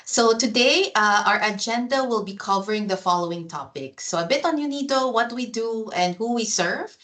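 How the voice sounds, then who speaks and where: A woman's voice: a little high, animated, moderate pace, a bit bright. A woman HR officer hosting an online presentation over a video call, speaking with frequent fillers and restarts.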